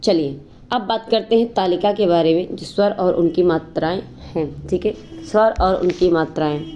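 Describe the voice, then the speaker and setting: A woman teaches an exam-prep grammar lesson in a warm, mellow voice. She explains things step by step, poses questions and answers them herself, and stretches vowels to demonstrate them. The audio is a little dull and lo-fi. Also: on the low side, moderate pace, slight background noise. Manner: explanatory, repeats "ठीक है" and asks rhetorical questions; drawls vowels long to demonstrate.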